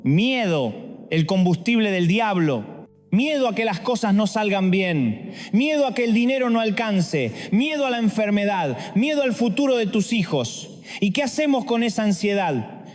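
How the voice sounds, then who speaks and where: Guy preaching a sermon, fairly high voice, lots of dramatic questions, long echo around him. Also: very animated, darkish tone. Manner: dramatic, rapid-fire rhetorical questions.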